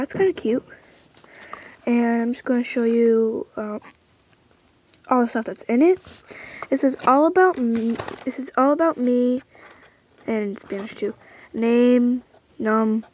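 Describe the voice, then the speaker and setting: A female vlogger unboxing a toy in casual chat, halting and hesitant, full of fillers and restarts, now and then dropping to a whisper. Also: on the high side. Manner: soft-spoken, drifting into whispers.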